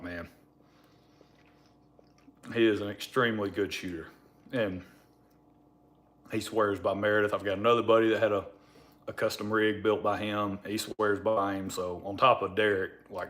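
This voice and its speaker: Man, fairly low pitch, mumbled marbles-in-mouth diction, rambling, informal livestream chat. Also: fairly bright tone. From Alabama, United States. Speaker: livestream host.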